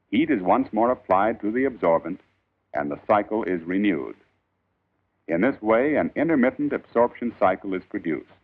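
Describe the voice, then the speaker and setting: A man reading a scripted 1940s instructional film in a formal, measured, emphatic old newsreel narrator style. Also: low-pitched. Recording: tinny band-limited 1940s film soundtrack.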